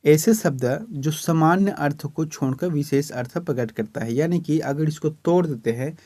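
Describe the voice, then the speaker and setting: This exam-prep lesson comes from a Chhattisgarh, India, man who explains exam questions stepwise, frequently saying "ठीक है" ("okay") to check in. His voice sits on the high side, mellow, at a moderate pace, with no room sound.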